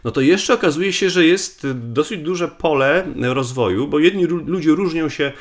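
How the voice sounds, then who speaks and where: A man's voice: on the high side, animated, normal speed. A man from Poland explains things conversationally as a guest researcher, often repeating words and restarting as he thinks aloud.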